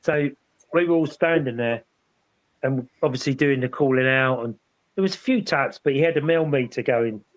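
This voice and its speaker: A man's voice: medium pitch, moderate pace, no echo, poor audio. A man on a paranormal panel, rambling through an investigation story in casual chat with many restarts and asides.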